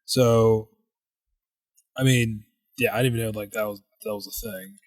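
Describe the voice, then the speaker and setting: A man's voice: fairly low pitch, fairly even intonation, normal speed, dry recording. Rambling man with a dry, close sound. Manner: rambling, heavy use of "like". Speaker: podcast co-host. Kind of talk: casual chat.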